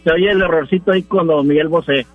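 A man's voice: a little high, fast talker, dry recording, soft background music. A Mexican man calling in over the phone, teasing the host in casual, joking chat. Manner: relaxed, teasing. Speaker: caller. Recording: dull phone line.

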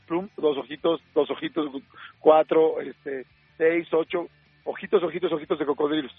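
A man with a Mexican accent, a radio host telling an anecdote in a lively way, full of fillers and acted-out quotes. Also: a little high, husky, no room sound. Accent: Mexican Spanish. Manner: lively storyteller acting out quoted dialogue, many fillers. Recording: narrow phone-like sound, faint music.

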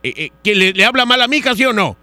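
A man's voice: high voice, big pitch swings, fast talker, pushed and bright, slight background noise. A man hosting a radio show, pressing a caller for answers in a confrontational prank call. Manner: confrontational, interrogating and demanding answers.

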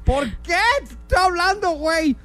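A man's voice: very high-pitched, unhurried. A man with a Mexican accent hosting a radio show, teasing and joking in casual banter. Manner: playful, teasing, animated. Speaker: radio host.

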